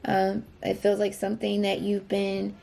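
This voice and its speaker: A woman's voice: medium pitch, monotone, normal speed, gravelly, dark tone. A woman doing a casual tarot reading, rambling and correcting herself as she goes, often asking if it makes sense. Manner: rambling, self-correcting, frequent fillers; asks the viewer if it makes sense. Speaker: tarot reader.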